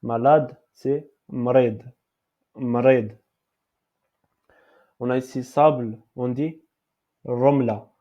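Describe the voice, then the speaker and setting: Very slow, hesitant male language teacher. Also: medium pitch, fairly even intonation, lo-fi sound. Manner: hesitant, many fillers and restarts, repeats each word several times. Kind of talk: slow explanatory lesson with repeated example words.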